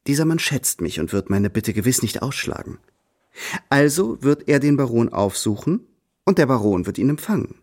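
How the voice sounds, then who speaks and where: Cool defiant young tutor in a radio play, calm measured talk, lively pitch. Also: male voice. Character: proud young tutor, composed and defiant man. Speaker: first-person narrator and protagonist. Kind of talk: radio drama acting.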